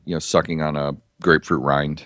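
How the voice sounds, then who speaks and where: A man with a very deep voice chats casually, rambling and easygoing. His voice sounds dry and close, with no room around it. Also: level tone, brisk, a bit bright, no room sound. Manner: rambling, easygoing, self-deprecating jokes. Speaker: podcast co-host reviewing beer. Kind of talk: casual chat.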